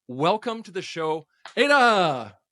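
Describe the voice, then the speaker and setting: A man hosts a casual interview podcast, his pitch swinging widely as he talks. He sounds upbeat and laughs easily. The sound is dry and close, with no room around it. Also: slow pace, no room sound. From North America. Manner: animated, laughs often, upbeat. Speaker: podcast host.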